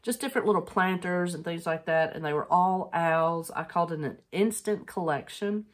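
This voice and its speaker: Speaking at a normal speed in a fairly low-pitched voice, this middle-aged reseller vlogger talks casually at home on a camera mic. She wanders from point to point, filling gaps with lots of "um"s, as she displays things she has sold.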